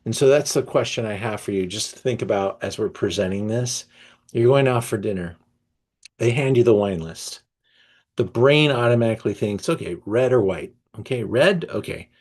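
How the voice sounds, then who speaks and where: A man hosting an online wine tasting, reading tasting notes aloud and breaking off to react with enthusiasm, often pausing with fillers and restarts. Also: lowish voice, a little mellow. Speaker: wine merchant presenting a tasting.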